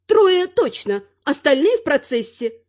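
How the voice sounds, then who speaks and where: A woman voicing a spry, sharp-tongued, bossy old grandmother in a brisk, scolding way. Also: high-pitched, sing-song, pitched above the performer's own voice. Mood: sly. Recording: muffled lo-fi recording.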